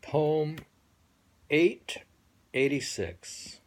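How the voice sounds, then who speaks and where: Hosting a reading, a man works through translated poems and reflects on them in a relaxed, halting way, often repeating phrases. His voice is husky and gravelly yet fairly high in pitch, and quite expressive.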